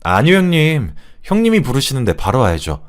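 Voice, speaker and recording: A male storyteller voicing a smooth-talking young man who politely defers to his girlfriend's older brother. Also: medium pitch, huge pitch swings, a little fast. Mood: ingratiating. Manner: deferential and eager to please. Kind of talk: storytelling with acted dialogue.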